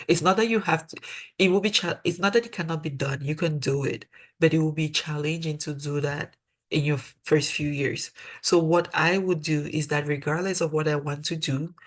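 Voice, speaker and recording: A young Cameroonian woman with a Cameroonian accent and a voice that sits low mentors dental students in a webinar over a video call. She gives earnest advice, repeating key points for emphasis.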